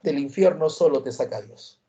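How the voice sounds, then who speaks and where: A man voicing a sly, kindly old Pope who speaks in a gently mocking, fatherly way. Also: on the high side, moderate pace, lo-fi sound, close to an everyday voice. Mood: teasing.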